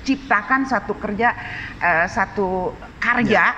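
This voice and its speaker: A middle-aged woman from Bandung with a Sundanese accent, an art dealer chatting in an interview, animated and quick to laugh. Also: medium pitch, in a large hall, dull audio, slight background noise. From Bandung, Indonesia. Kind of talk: casual interview.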